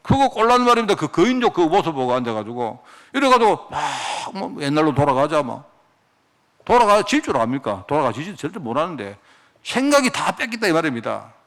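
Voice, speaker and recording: A man's voice: on the high side, sing-song, brisk, fairly bright tone. A male pastor preaching a sermon, firing off rhetorical questions as he goes.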